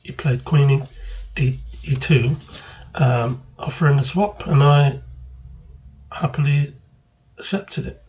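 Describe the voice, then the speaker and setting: A man giving casual move-by-move commentary on his own chess game, thinking aloud and pausing mid-phrase. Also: mid-range voice, darkish tone, rough recording.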